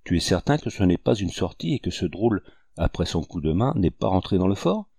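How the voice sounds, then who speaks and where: A man's voice: deep voice, very animated, a little fast, vocal fry, warm tone, breathy edge, no room sound, studio quality, heavily acted. A man voicing a hearty French general in chief, courteous and commanding. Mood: grave.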